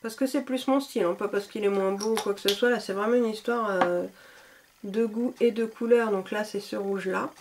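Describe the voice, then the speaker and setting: A woman's voice: mid-range voice, fairly even intonation, fairly quick, noisy background. A woman chatting casually as a beauty vlogger, enthusiastic and full of fillers. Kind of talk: casual product showcase.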